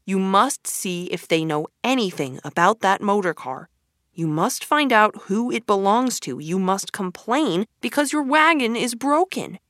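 Rat, a woman voicing a brisk sensible male rat. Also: mid-range voice, no room sound, studio quality, close to an everyday voice. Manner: firm, matter-of-fact, sharp.

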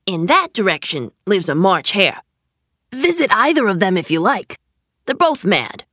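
A woman's voice: mid-range voice, very animated, unhurried, a bit bright, slightly rough, no echo, studio quality, full character voice. A woman voicing a teasing, knowing storybook cat who speaks in riddles and grins as if mad. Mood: sly amusement. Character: grinning, teasing male Cheshire Cat, mysterious and mad. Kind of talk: storybook character reading.

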